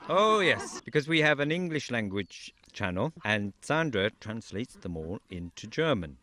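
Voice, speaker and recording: Sitting in a horse-drawn carriage on his farm, a man who grew up in Wales chats in a relaxed outdoor interview about the farm where he keeps bees. His mid-range voice is sing-song, pushed and bright, at a moderate pace, and his manner is easygoing with a dry wit. Geese are nearby amid faint outdoor noise.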